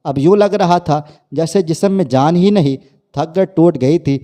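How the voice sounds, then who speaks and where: A man narrating a scripted family story in a plain, steady way. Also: fairly high pitch.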